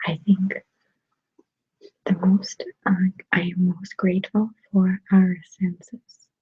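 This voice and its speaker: A Russian-accented woman hosting an ASMR live stream chats casually in a soft, breathy whisper, answering viewers gently with halting pauses, close to a sensitive mic. Her pitch is medium and her delivery flat, and the recording is muffled with no room sound.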